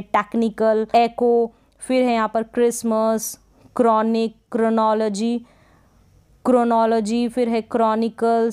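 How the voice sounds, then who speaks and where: A woman teaching an English spelling and pronunciation lesson, drilling words slowly one by one. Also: a little high, a little mellow, clear, resonant tone. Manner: slow, repetitive word-by-word drilling. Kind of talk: English phonics lesson in Hindi.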